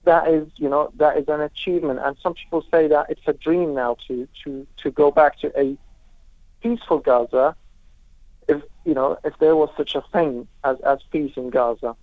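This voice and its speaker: A man from Lebanon speaks about aid work over a tinny phone line with a slightly high voice. His answers come out halting, full of restarts and repeated words, and the sound is dry and close. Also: fairly even intonation, dry recording. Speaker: humanitarian aid worker. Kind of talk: remote interview answers.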